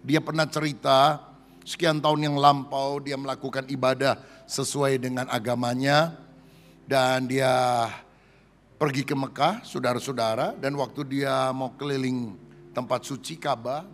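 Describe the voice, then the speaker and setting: A male pastor preaching a sermon, telling stories to his congregation and often calling them brothers and sisters, with big swings in pitch and loudness. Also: measured pace, gravelly, big-room sound.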